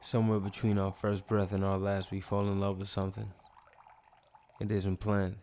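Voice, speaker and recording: A man's voice: lowish voice, monotone, normal speed, mellow, a little hiss or hum, close to an everyday voice. A man in a short film, trading sardonic, profane banter and narrating in voice-over.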